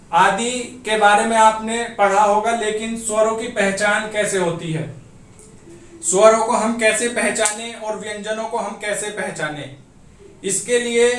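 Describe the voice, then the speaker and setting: A man teaching a grammar class for exam preparation, explaining each point step by step and pausing so students can note it down. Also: high voice, slight background noise. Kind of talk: exam-prep grammar lesson. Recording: echoey room, voice from a distance off the mic.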